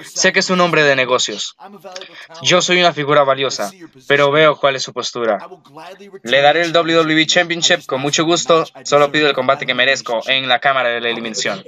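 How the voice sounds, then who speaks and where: A man's voice: mid-range voice, fairly quick, pushed and bright, lightly acted. A man voicing a smug, scheming male wrestler in a formal, self-assured tone. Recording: lo-fi muffled recording.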